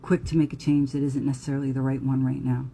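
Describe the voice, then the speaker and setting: Mellow-voiced New Jersey woman. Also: a bass voice, level tone, fast talker, creaky, a little hiss or hum. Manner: earnest, emphatic, occasional profanity. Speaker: astrologer. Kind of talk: live astrology talk.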